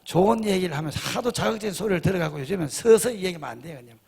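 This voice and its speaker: A man's voice: high-pitched, animated, rapid-fire, vocal fry, a little mellow, slightly rough. A middle-aged male pastor preaching a sermon, emphatic, often firing rhetorical questions at the congregation.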